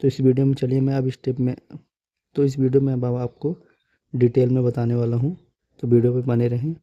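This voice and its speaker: A man's voice: mid-range voice, level tone, a little fast, mellow, no room sound, dull audio. A man teaching English letter sounds in Hindi, patient and repeating each sound several times. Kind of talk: slow, explanatory Hindi lesson.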